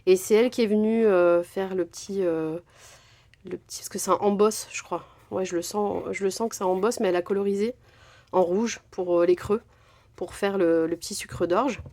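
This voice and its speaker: A woman's voice: medium pitch, steady tone, normal speed, mellow. Chatty woman gushing over craft gifts. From France. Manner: chatty, gushing, many fillers. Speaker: crafting vlogger. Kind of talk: casual unboxing chat.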